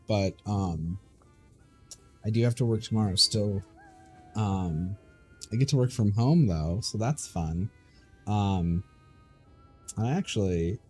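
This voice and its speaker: A man streaming a game, chatting casually in a relaxed, hesitant way with many pauses and ums. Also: fairly low pitch.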